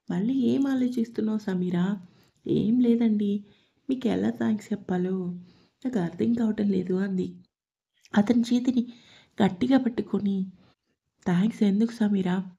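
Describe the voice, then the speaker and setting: A woman's voice: medium pitch, warm tone, breathy edge, muffled recording. A woman narrating a family drama story, reading every character's lines in her own voice.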